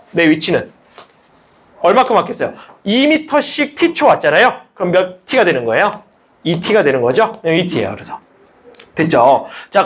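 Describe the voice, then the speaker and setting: A middle-aged male math teacher with a husky voice teaches a classroom lesson. His pitch swings up and down a lot as he explains each step. He teases his students and keeps throwing questions back at them.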